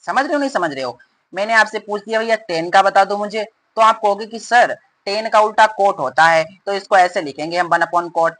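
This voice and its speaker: A male math teacher explaining formulas in a rapid, repetitive way and calling his students "beta". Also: sits high, a bit bright, rough recording. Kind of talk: fast classroom explanation.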